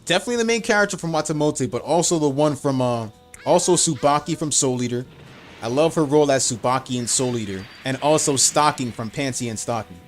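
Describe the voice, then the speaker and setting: A man's voice: medium pitch, fairly quick, soft background music. A man chatting casually on a live game stream, rambling and opinionated.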